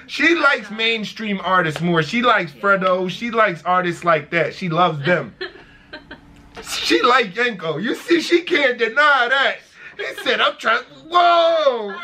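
A man's voice: very high-pitched, bright, forceful tone, a little hiss or hum. An American man hosting a reaction video, talking in a hyped, slangy way straight to his viewers. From United States. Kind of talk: casual reaction chat.

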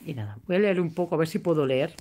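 A woman with a low, deep-set voice talks to her viewers in a loose livestream chat. She is openly theatrical and emotional, exaggerating freely as she reads their comments aloud. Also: animated, quick pace, mellow. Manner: theatrical, tearful, laughing and exaggerated. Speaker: vlogger reading live chat.

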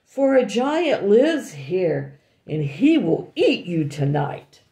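Storybook maid, young and fearful, high and slow; a woman reading aloud does the voice. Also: big pitch swings, dark tone, echoey room. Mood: frightened. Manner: slow, drawn-out pleading. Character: frightened young woman servant at a giant's door.

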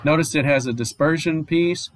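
A male chemistry professor giving a recorded online lecture, explaining at a steady pace with fillers, restarts and "okay?" checks. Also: on the high side, normal speed. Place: home or office, online lecture.

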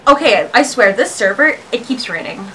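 A woman in her twenties giving casual, excitable gameplay commentary, talking herself through her moves. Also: on the high side, moderate pace, poor audio. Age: 20s. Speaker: gamer and streamer. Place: bedroom, indoors. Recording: clear background noise with clicking.

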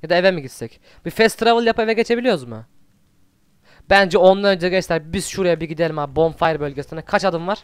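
A high-pitched man gives a let's play commentary, excitable and loose with his swearing. His voice is smooth and clear. He keeps calling to and praising the wolf at his side. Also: fairly quick, no room sound. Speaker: gaming channel host.

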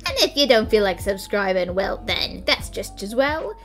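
A woman voicing a swaggering pirate, drawling slowly and theatrically with pirate slang, over faint music. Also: medium pitch, animated, natural voice. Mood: hammy.

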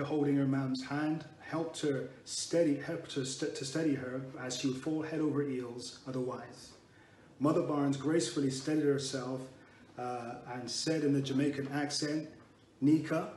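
A man reading a memorial tribute in a measured way, pausing to restart now and then. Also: medium pitch, a little mellow. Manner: measured, reads with small restarts. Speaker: eulogy reader. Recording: roomy and distant with faint noise.

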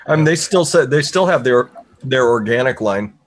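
A man with a husky voice chatting casually on a video call in a joking, teasing way. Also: medium pitch, lively intonation, normal speed, no room sound. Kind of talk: casual chat.

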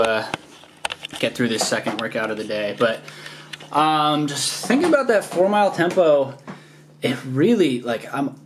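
A young man talking casually to camera at home, reflective and relaxed, with many restarts and fillers. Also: mid-range voice, background noise. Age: young adult. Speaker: runner and vlogger. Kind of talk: casual vlog talk to camera. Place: small room at home, indoors. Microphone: camera close at arm's length.

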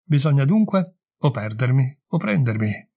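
A man's voice: medium pitch, very animated, measured pace, gravelly, warm tone, slightly rough, full character voice. A man reading an audiobook, voicing a distraught young woman who insists on leaving her husband, pleading and firm by turns. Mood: resolute.

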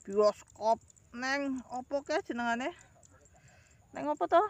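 A woman in her thirties with a Javanese ngapak accent vlogs outdoors beside rice fields, holding her phone at arm's length. Her voice sits high and she takes it slowly, rambling casually and calling her viewers "guys." There's no room sound.

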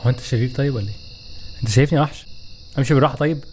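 A man with an Egyptian Arabic accent giving excitable, joking let's play commentary, talking back to the game. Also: medium pitch, very fast, breathy edge. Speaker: gaming YouTuber.

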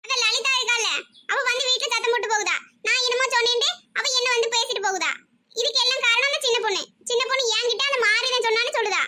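A woman's voice: very high voice, fast talker. A woman playing a harried village wife who scolds and complains in a southern Tamil village dialect. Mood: complaining. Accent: southern Tamil Nadu village dialect. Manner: scolding, exasperated. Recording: noisy background hiss.

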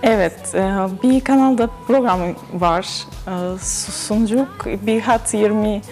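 A young woman with a foreign accent answers interview questions in broken, halting, simple non-native Turkish. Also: medium pitch, a little mellow, soft background music. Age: young adult. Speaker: guest, model and TV presenter. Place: TV studio. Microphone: lapel mic.

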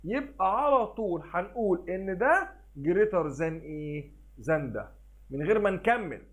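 A man with an Egyptian Arabic accent, teaching a recorded math lesson for children. He asks questions and answers them himself, mixes in English math terms and reads numbers out slowly. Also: sits high, lively intonation, a bit bright.

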